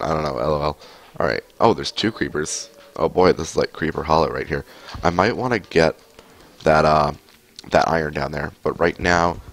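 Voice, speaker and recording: A young man with a cold streams a game from a room at home, talking casually into a headset mic and rambling with lots of fillers. His voice is extremely low, and a little hiss or hum is audible.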